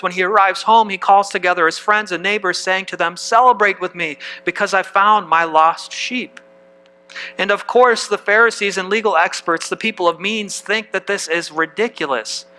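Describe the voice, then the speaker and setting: A man's voice: sits high, fairly even intonation, a little fast, hardly any pauses, pushed and bright, poor audio. A man preaching a sermon as pastor, reading scripture aloud and putting questions to the congregation.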